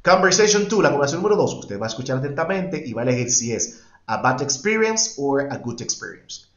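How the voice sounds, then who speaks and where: A man's voice: medium pitch, big pitch swings, brisk. A man teaching an English class, explaining patiently and repeating words emphatically as he switches between two languages. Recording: echoey, dull-sounding room.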